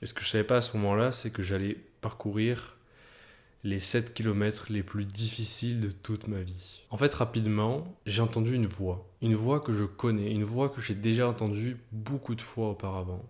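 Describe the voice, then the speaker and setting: A man's voice: fairly low pitch, moderate pace. A man speaking straight to the viewer in a motivational storytelling monologue, addressing them directly and building tension through repetition. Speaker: video creator.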